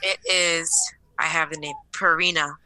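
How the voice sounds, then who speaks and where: A woman's voice: low voice, steady tone, normal speed, sharp tone. A woman co-hosting a podcast, chatting casually with wry, blunt asides about TV episodes. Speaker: podcast co-host. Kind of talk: casual chat recapping TV episodes.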